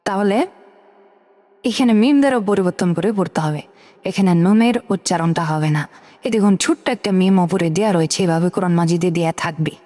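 Woman teacher, slow spelling drills, reverby room. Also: mid-range voice, mellow. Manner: slow, drawn-out spelling of letters and vowel marks; asks questions and answers them herself. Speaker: Quran reading teacher. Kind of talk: step-by-step spelling lesson.

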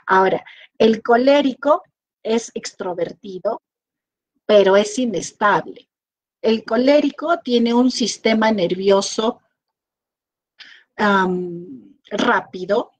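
A middle-aged woman with a Peruvian Spanish accent, giving an online class lecture in an animated way. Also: mid-range voice, no room sound, poor audio. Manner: animated, acts out quoted people with lively voices. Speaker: teacher.

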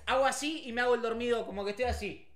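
Animated Argentine streamer guy. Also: very high voice, racing. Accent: Argentine Spanish. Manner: animated storytelling with shouted sound effects. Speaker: streamer host. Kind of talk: casual livestream chat. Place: home bedroom.

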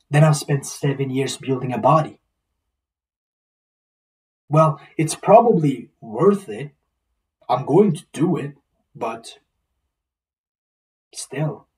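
In a plain little indoor room, a man in his twenties vlogs to camera, drifting through a reflective, casual talk full of repetition and the odd swear word. The audio is poor since he's far from the mic, and his mid-range voice is slightly mellow.

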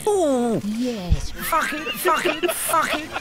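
A man voicing a small timid piglet in a squeaky falsetto, with breathless crude moaning in a parody storybook reading. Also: sing-song, slow pace, loud music behind the voice, heavily acted. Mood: ecstatic squealing.

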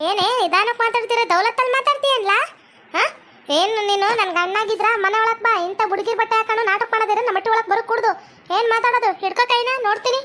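Shrill scolding woman. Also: steady tone, fast. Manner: scolding, loud, insulting. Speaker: comedy skit actress playing an angry wife.

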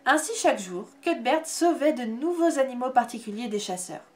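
A woman reading a storybook aloud in an expressive, measured storytelling manner. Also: high voice. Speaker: reader. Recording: faint background music.

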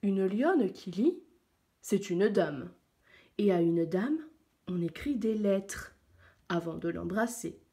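A woman teacher reading a picture book aloud to young pupils, slow and expressive. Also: medium pitch.

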